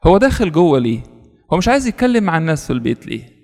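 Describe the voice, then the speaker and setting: Egyptian priest, rapid sermon delivery, somewhat high voice, long hall reverb. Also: male voice, very animated, creaky, a little mellow. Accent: Egyptian Arabic. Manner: storytelling, earnest, repeats words for stress. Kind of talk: sermon with a story.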